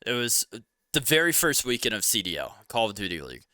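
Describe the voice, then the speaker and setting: A young man with a lowish but bright, clear voice co-hosts a casual podcast. His pitch swings a lot as he tells rambling stories, and the sound is dry and close. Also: fast talker, no room sound. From Cincinnati, Ohio. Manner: rambling, animated storytelling. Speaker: podcast co-host. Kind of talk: casual chat.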